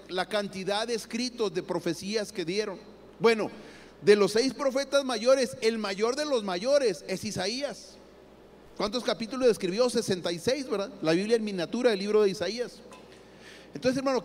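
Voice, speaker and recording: A man's voice: high voice, a little hiss or hum. A middle-aged male pastor with a Mexican accent, preaching a sermon in a conversational way and keeping the congregation involved with frequent questions. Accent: Mexican Spanish.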